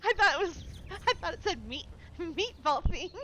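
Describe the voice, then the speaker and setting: Bright, bubbly woman gaming co-host. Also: very high voice, big pitch swings, normal speed, lo-fi sound. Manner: giggly and exclaiming. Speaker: co-host of a park tour. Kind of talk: casual gaming chat. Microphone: close microphone.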